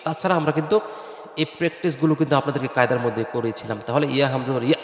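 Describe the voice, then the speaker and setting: A man teaching Quran recitation, spelling words out letter by letter and then chanting them slowly. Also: mid-range voice. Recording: echoey room with long reverb, faint music.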